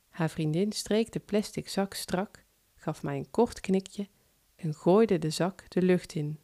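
Woman calmly reading her own story. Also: lowish voice. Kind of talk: first-person story narration.

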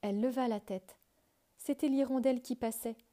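A woman reading a fairy tale aloud in a calm, measured storytelling manner. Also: on the high side.

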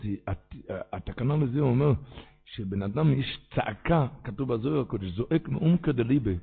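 A man who is a rabbi, giving a Torah sermon with animated preaching and sudden cries. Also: mid-range voice, creaky, husky, phone-quality sound.

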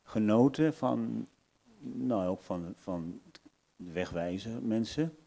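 An older man speaking at his farewell in a church service, halting and searching for words. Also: lowish voice, vocal fry, warm tone. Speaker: departing church member.

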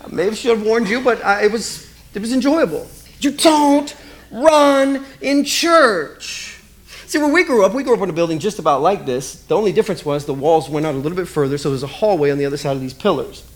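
High-voiced man telling a comic sermon story. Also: rapid-fire, hardly any pauses. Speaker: pastor.

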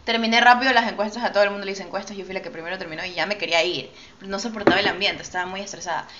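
A woman's voice: mid-range voice, rapid-fire. A woman telling a personal story in casual chat, acting out the lines of the people in it. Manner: animated, acts out quoted dialogue. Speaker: podcast co-host telling a story. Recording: slightly dull recording with faint noise.

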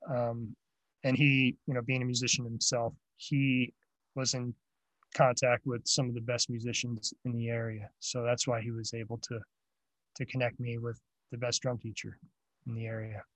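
Relaxed man telling his story, dry sound. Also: medium pitch, moderate pace, no room sound, rough recording. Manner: relaxed storytelling with fillers and repeated words. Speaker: interview guest, drummer and drum teacher. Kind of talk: casual interview.

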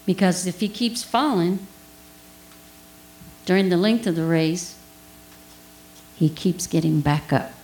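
A woman's voice: on the low side, slow, long pauses, a little mellow, roomy sound, slight background noise, poor audio. A woman giving an informal Bible teaching, telling a personal story in a chatty way with laughs and asides.

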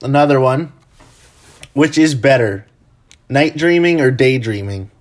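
A man hosts a casual podcast chat at an ordinary, middle pitch. He talks loosely, full of fillers, and laughs easily. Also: animated, measured pace. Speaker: podcast host.

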